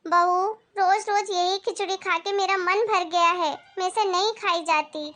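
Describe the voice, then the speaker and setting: A woman voicing a gentle elderly grandmother in a comedy family skit, speaking softly and slowly. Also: very high-pitched, fairly even intonation, exaggerated voice. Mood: pleading. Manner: soft, slow and pleading. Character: elderly grandmother, meek and gentle mother-in-law.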